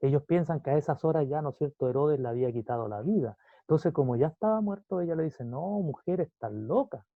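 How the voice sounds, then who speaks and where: A man's voice: a little high, expressive, quick pace, few pauses, no room sound, phone-quality sound. A man preaching a sermon in a conversational teaching manner, often adding asides to the listener.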